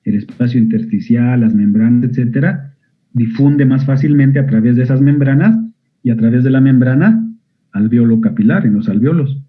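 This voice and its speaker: A male medical school lecturer giving an online physiology class. He often quizzes his students and clears his throat. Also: mid-range voice, normal speed. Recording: narrow phone-like audio.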